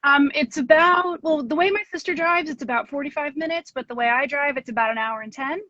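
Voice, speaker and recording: An education consultant in her thirties from Pennsylvania, USA, chats as a guest in a casual interview, saying "um" often, laughing easily, and talking about herself in a self-deprecating way. Her voice is high, sharp, and a little fast. The live-stream audio is dull, dry, and lo-fi, with no room sound.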